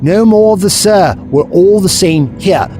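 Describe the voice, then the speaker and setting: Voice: medium pitch, expressive, measured pace, music in the background, close to an everyday voice. A performer in an audio drama playing the Doctor, an eccentric, kindly time traveller who explains things in a wordy, scholarly way. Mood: earnest, explaining.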